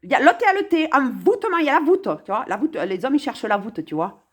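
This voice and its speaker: A woman's voice: high voice, very animated, rapid-fire. A woman giving casual, sarcastic commentary on a song, talking straight to the viewer and swinging between mutters and exclamations. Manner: sarcastic, playful, talks to the viewer.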